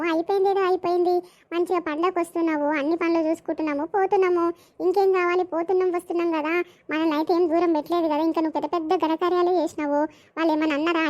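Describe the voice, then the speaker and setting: A woman's voice: very high voice, darkish tone, highs cut off. A woman voicing a stern middle-aged mother, lecturing and scolding. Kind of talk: animated village comedy voicing.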